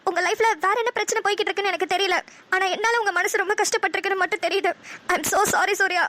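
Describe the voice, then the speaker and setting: A kind young businesswoman in a cartoon, voiced by a woman. She soothes a friend in a very high, bright voice and talks quickly. The sound is dry and close. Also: steady tone. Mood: caring, concerned. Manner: soft, soothing, caring. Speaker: cartoon voice actor. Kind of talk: Tamil cartoon dialogue.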